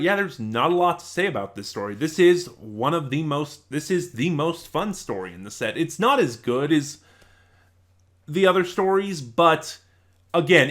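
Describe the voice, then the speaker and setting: Slightly high and fairly bright, this man's voice carries a casual, unscripted review. He's the channel host, rambling conversationally and correcting himself along the way.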